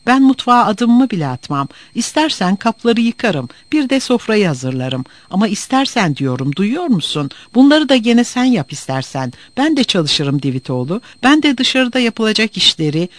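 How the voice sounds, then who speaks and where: A man's voice: high-pitched, sing-song, normal speed, few pauses, dry recording, pitched above the performer's own voice. A man voicing a pleading young woman. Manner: pleading, stammering, tearful.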